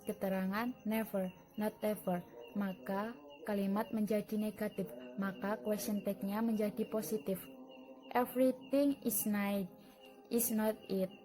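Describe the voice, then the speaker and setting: A woman presenting a lesson, reading slide text aloud in a steady way. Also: mid-range voice, a little slow, soft background music, low-quality recording. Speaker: student presenter.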